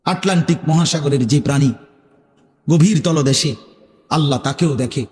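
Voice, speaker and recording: A high-pitched male preacher with a Bangladeshi Bengali accent, delivering a fervent sermon that swings between hushed and loud. His voice rings through a large hall with a long echo trailing behind it. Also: moderate pace. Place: large hall at a religious gathering. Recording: echoey hall with long reverb.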